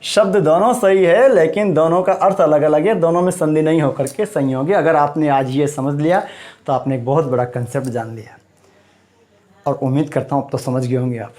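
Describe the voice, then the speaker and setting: A man teaching grammar with a slightly high voice. He hammers on each term, says it again and again, and keeps putting questions to his viewers. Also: fairly quick, darkish tone. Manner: emphatic, repeats terms and quizzes the viewer. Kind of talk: classroom grammar lesson.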